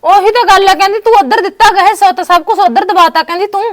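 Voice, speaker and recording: A woman's voice: very high voice, fast. A woman playing a married daughter who complains about her brothers' wives, with a Punjabi accent. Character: married daughter visiting her mother, aggrieved. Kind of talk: village family skit acting.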